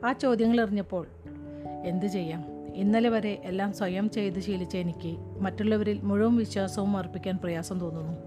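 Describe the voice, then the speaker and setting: A woman narrating a humorous short story in a steady, wry storytelling manner. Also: mid-range voice, moderate pace. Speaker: story reader. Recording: music playing behind.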